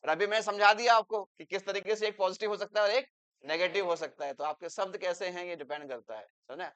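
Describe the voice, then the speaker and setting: High-voiced man teaching grammar. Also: fairly quick, clear, resonant tone. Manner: explains in Hindi with English examples, calls listeners beta; rises loud and emphatic when making a point. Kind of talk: classroom lecture.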